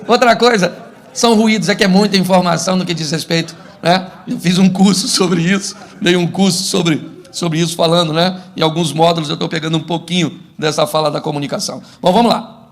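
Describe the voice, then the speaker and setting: A middle-aged Brazilian man, a pastor, preaching a humorous sermon and acting out couples' arguments in an animated way. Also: high-pitched, fairly quick. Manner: animated, acts out couples' quarrels for laughs.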